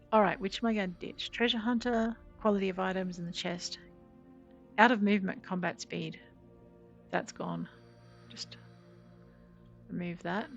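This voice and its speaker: A woman's voice: mid-range voice, creaky, highs cut off. A woman hosting a gaming video, chatting playfully to herself and her game companions in a genteel way with mild exclamations. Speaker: gaming video host playing in character. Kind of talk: playful game commentary, talking to self.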